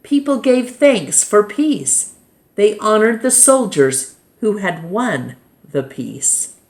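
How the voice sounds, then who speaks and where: An American woman with a mid-range, sing-song voice reads aloud from a nonfiction book for kids. She sounds like a storytime teacher, measured and deliberate, breaking between short phrases.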